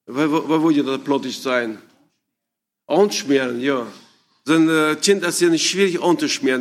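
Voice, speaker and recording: A man with a slightly raised voice gives an informal talk to parents. He speaks haltingly, often restarting and searching for words. He keeps turning to his listeners with questions. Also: fairly high pitch, fairly bright tone.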